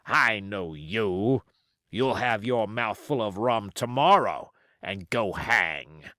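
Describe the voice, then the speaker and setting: A man playing sly, slow-talking pirate Long John Silver. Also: lowish voice, animated, sharp tone, no room sound, voice pushed down, full character voice. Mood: scolding. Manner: folksy sailor grammar, deliberate and weighty. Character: sly, commanding pirate sea cook and ringleader.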